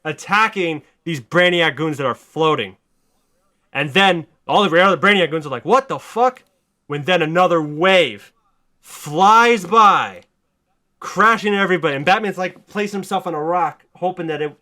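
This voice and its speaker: A man hosting a podcast, telling a story in excited casual chat, swearing a lot and rising to near shouts. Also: fairly high pitch, moderate pace. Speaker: podcast host.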